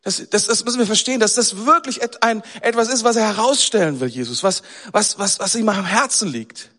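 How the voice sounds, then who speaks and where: A man giving a sermon as a pastor, talking conversationally and often turning to the audience with questions and animated emphasis. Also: high-pitched, fairly quick, big-room sound.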